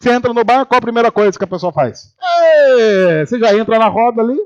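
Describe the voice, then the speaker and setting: A pastor from Brazil giving a humorous sermon in church, telling stories and acting out the voices of the people in them. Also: male voice, very high-pitched, very fast, lo-fi sound. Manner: animated storytelling, acting out quoted voices.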